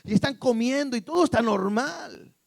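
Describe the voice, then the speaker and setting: A middle-aged Mexican man preaching a sermon, animated and acting out the dialogue of the Bible characters. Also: extremely high pitch, normal speed, creaky.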